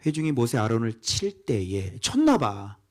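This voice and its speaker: Preaching an expository sermon, this middle-aged pastor fires rhetorical questions at his congregation and lurches between loud, scolding outbursts and near-whispers. His medium-pitched voice swoops wildly, delivered at a normal speed.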